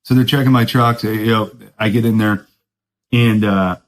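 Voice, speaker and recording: A man's voice: fairly low pitch, fairly even intonation, moderate pace, low-quality recording. A man hosting a podcast, telling a rambling story in casual surfer talk, self-mocking and laughing often. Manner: laid-back surfer talk, keeps saying "dude". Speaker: podcast host.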